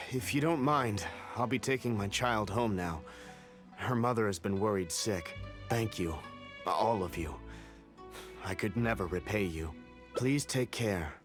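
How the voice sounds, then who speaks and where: A man's voice: lowish voice, unhurried, music in the background, lightly acted. An actor playing a timid, polite father in a video game, speaking in an earnest, courteous way. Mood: relieved, grateful. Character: timid, anxious, polite father, adult man. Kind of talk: English video game voice acting.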